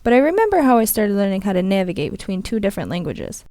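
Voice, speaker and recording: A young woman, a student interpreter, voicing a first-person story in a steady, measured way. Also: medium pitch, no echo. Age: young adult.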